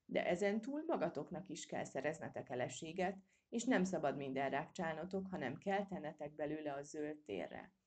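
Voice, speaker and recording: A woman's voice: low voice, animated, a little mellow. A woman voicing a male squirrel schoolteacher who lectures his young pupils in an instructive tone. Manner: instructive, addressing children. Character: strict but kind male squirrel schoolteacher.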